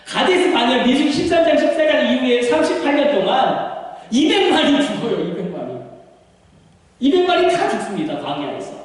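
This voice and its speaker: A male pastor preaching a sermon with passion, moving from hushed lines to shouted exhortations. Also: extremely high pitch. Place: church sanctuary. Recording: echoey church hall, distant mic.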